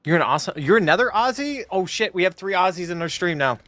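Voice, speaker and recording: A man's voice: high voice, lively intonation, fast, sharp tone, dry recording. A young man hosting a gaming stream, chatting casually with profane, joking banter.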